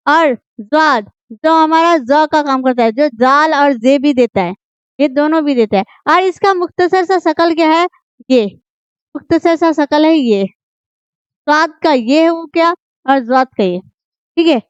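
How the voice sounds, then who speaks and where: A high-voiced woman teaches an Urdu script lesson, patiently repeating herself and checking in with her students. The recording is dry and a little dull, with a lo-fi sound. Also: dry recording.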